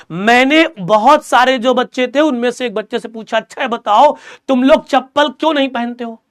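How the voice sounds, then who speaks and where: A young man teaching an English chapter to students, reading lines slowly and explaining them, repeating key words as drills. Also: very high voice, a bit bright. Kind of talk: explaining a textbook chapter in class.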